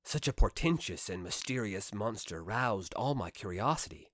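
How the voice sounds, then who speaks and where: A fairly low-voiced man, a bit bright and animated, narrates an old literary novel told in the first person. He stresses words theatrically and pauses for dramatic effect. The recording is close and dry, with no echo.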